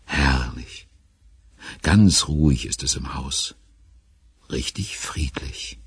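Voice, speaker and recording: Male storybook narrator, very low and raspy, calm and gently amused. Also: slow.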